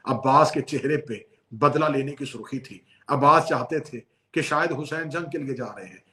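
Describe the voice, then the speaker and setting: A man delivering an emotional religious sermon, narrating the story with tearful, dramatic recitation and sudden drops to a hushed voice. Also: medium pitch, moderate pace, roomy sound, a little hiss or hum. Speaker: Shia cleric.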